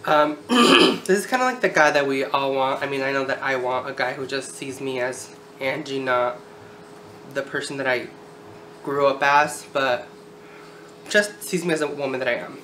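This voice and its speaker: This video blogger, a thirty-year-old woman, has a bass voice that's a bit bright and moves at normal speed. She talks casually and candidly to a tripod-mounted camera, occasionally sweary, amid roomy echo and background noise.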